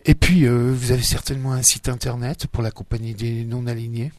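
A man's voice: mid-range voice, fairly even intonation, fairly quick, a little mellow, dry recording. A man hosting a radio interview, asking questions with many fillers. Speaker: radio host.

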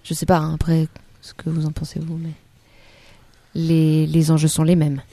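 An actress appearing as a guest answers radio interview questions hesitantly, with many restarts and fillers. Her voice is low, warm and monotone at normal speed, with no room sound.

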